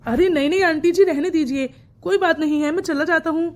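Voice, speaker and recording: A woman voicing a polite young married man from a wealthy family in a cartoon story, with a deepened, distant-sounding voice. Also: a little fast. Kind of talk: cartoon voice acting.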